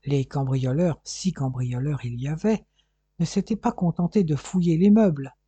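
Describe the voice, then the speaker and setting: A man narrates a detective novel with steady, measured reading. His voice is very dark and somewhat husky. The recording is dry and close. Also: fairly high pitch, dry recording. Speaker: audiobook narrator.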